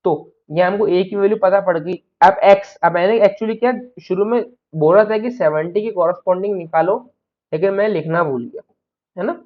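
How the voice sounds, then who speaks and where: Male tutor, high pitch, patient step-by-step explainer, muffled lo-fi recording. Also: normal speed. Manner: explains step by step, repeats "है ना" check-ins. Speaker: maths tutor. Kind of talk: recorded math lecture.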